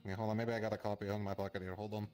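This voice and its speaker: A man speaking in improvised role-play as a group's leader, haltingly, often stumbling over his words. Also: lowish voice, little pitch movement, a little mellow, faint music behind. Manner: halting, stumbles through reading aloud. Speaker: group leader addressing a room in a live roleplay.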